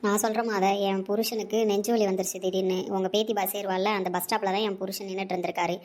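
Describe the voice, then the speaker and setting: A woman's voice: medium pitch, level tone, quick pace, darkish tone, close to an everyday voice. A woman playing a grateful middle-aged wife who politely and patiently explains herself. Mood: explaining. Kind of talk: family drama acting.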